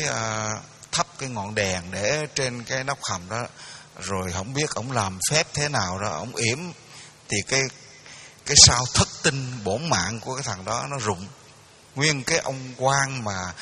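A dharma teacher with a Southern Vietnamese accent gives a storytelling sermon, recounting an old folk tale in a folksy, repetitive manner with many restarts. His voice is medium-pitched with a sharp tone. There's a little hiss or hum.

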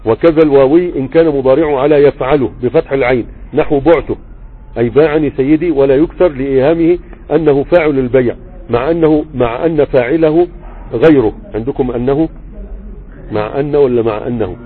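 A man with an Egyptian Arabic accent teaches grammar in a fast, conversational flow. He reads from a text and keeps asking his students whether they follow. His slightly husky voice comes through a tinny, phone-like connection. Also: medium pitch. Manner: conversational, checks understanding often. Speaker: religious teacher explaining grammar. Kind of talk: live online lesson, reading a text and explaining.

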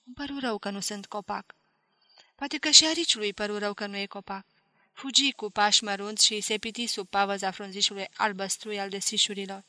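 A woman narrating a literary novel aloud in a slow, deliberate, expressive way. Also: medium pitch, dry recording. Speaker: audiobook reader.

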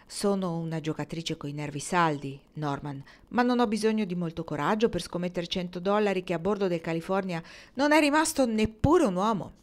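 A woman's voice: fairly low pitch, brisk, close to an everyday voice. A woman reading the lines of a confident female gambler in a storybook, in a self-assured, matter-of-fact way.

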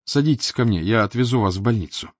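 A man's voice: fairly low pitch, lively intonation, fast, no room sound. A man voicing a shaken, earnest driver in an audiobook, speaking anxiously. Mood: concerned. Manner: anxious, urgent. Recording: dull lo-fi recording.

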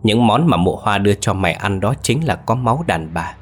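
A man voicing a vengeful old man in an audio story, roaring threats and accusations in a husky voice. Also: on the low side, lively intonation, fairly quick, faint music behind. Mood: bitter.

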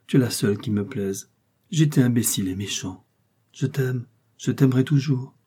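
A man voicing a calm, guarded gentleman lover in an audiobook reading. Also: mid-range voice, husky, natural voice. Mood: pleading. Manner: calm, measured, detached.

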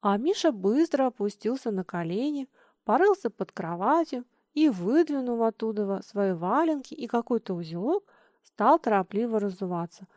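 A woman narrating a children's story in an expressive, lilting reading. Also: fairly high pitch, moderate pace, no room sound, clean studio sound.

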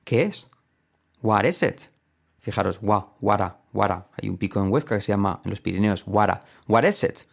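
Lively Spanish teacher with a gravelly low voice. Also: male voice, moderate pace. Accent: Spanish from Spain. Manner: lively, repeats example phrases, sings snippets. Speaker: English teacher. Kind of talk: recorded language lesson.

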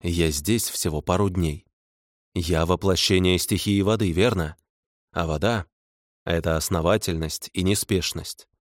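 A man voicing a calm, stern, ancient male water spirit who speaks unhurriedly. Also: low voice, unhurried, no room sound, clean studio sound.

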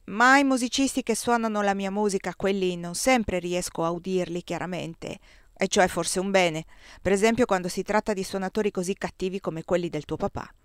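A woman reading aloud, voicing a blunt, deaf middle-aged male composer in slow, emphatic speech. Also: medium pitch, smooth, no room sound, clean studio sound, lightly acted. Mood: gentle.

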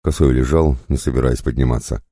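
A man reading an audiobook in a measured, even storytelling manner. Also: extremely low pitch, dry recording, studio quality. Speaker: narrator. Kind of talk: audiobook narration.

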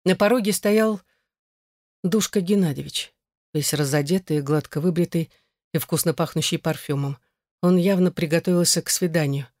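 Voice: mid-range voice, moderate pace, a little mellow, dry recording. A narrator reading a dramatic audiobook into a close mic.

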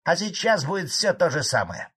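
A man voicing an angry, blunt old male Soviet cattle farmer in an audiobook, gruff and indignant. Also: a little high, very animated, normal speed, pushed and bright, pitched above the performer's own voice, exaggerated voice.

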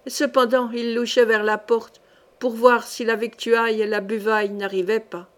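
A woman reads a historical novel aloud, her voice sitting a little on the high side. She tells the story at a steady pace and gives the characters a light, expressive touch. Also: normal speed. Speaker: audiobook reader.

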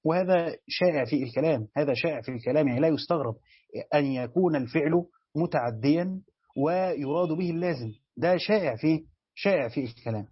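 Fast, husky Egyptian teacher lecturing. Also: male voice, a little high, no echo. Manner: explanatory, asks and answers his own questions. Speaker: Quran commentary teacher. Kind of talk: colloquial Egyptian lecture on Quran exegesis. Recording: dull, dry lo-fi recording.

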